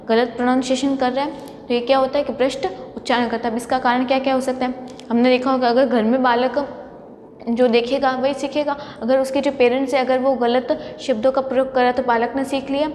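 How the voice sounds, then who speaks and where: A woman's voice: high voice, a little mellow, big-room sound, slight background noise. A woman college lecturer giving a classroom lecture, explaining step by step and answering her own questions.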